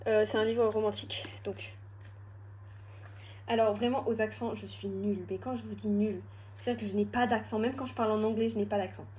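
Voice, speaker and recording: A young woman chatting casually at home through a challenge vlog, self-mocking and quick to laugh. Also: mid-range voice, fairly even intonation, warm tone. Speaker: vlogger.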